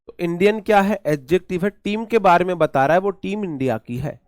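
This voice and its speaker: A man's voice: high-pitched, lively intonation, a little fast, a little mellow, no room sound, studio quality. A man with an Indian accent teaching an exam-prep English grammar lesson, repeating key points and quizzing his students.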